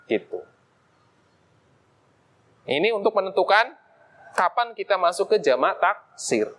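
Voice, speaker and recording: A man's voice: sits high, big pitch swings, unhurried, fairly bright tone. A man teaching an Arabic grammar lesson in a mosque, explaining casually and asking himself questions aloud as he goes.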